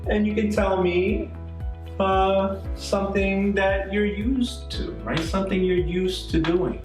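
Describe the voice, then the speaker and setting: A man's voice: high voice, fairly even intonation, slow pace. A man from Canada, middle-aged, teaching an English grammar lesson, patiently repeating points and checking in with "okay?" and "right?". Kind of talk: classroom-style grammar lesson. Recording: echoey room, mic at a distance, faint music.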